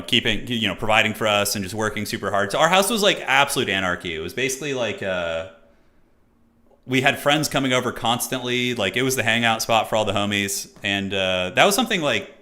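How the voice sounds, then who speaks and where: This is a man in his thirties talking casually to his stream chat and then calling a strategy game match. His voice sits a little low but has a bright, forceful edge. He rambles, restarts his sentences and scatters fillers throughout. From United States. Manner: loose and chatty, many fillers and restarts, reads chat aloud. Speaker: streamer and caster.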